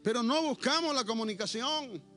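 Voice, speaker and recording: A man preaching a Pentecostal sermon to a church congregation, swinging between shouted declarations and low, quiet asides, with a playful teasing streak. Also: normal speed, soft background music. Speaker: pastor.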